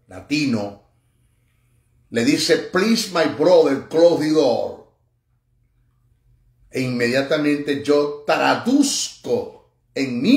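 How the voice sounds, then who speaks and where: A man preaching a sermon, emphatic and mocking, dropping to low asides and rising to high exclamations. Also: echoey room. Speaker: pastor. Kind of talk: sermon teaching.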